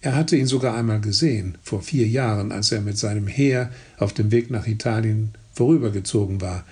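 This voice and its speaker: A man with a raspy, gravelly voice reading a historical novel aloud in slow, even narration. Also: on the low side. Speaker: audiobook narrator. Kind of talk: scripted narration.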